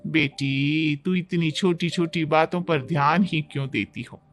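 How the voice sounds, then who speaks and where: A man doing a calm, soothing older mother. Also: on the high side, measured pace, over music, pitched below the performer's own voice, lightly acted. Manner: soothing, advising.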